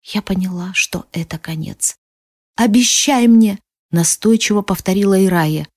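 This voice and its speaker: A woman narrating a first-person audiobook in an expressive, sometimes hushed manner. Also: lowish voice, normal speed, slightly rough, no echo, studio quality.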